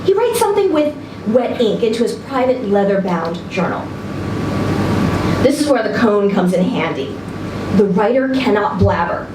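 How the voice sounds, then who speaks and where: A woman performs a literary short story expressively at a live reading event in an indoor social venue. Her voice is mid-range with big pitch swings and a moderate pace, and a distant event video mic records it in an echoey, noisy room.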